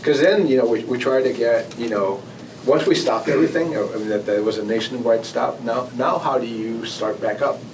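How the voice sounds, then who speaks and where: A former air traffic control manager gives an informal talk as a guest speaker at a club meeting and takes audience questions. His average-pitched voice is halting and conversational, and he often rephrases and repeats words. The mic is distant and the room is noisy.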